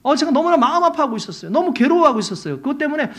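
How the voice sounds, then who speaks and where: Middle-aged man, guest pastor, emotional testimony sermon, lively and expressive pitch. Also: very fast. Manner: emotional, animated storytelling.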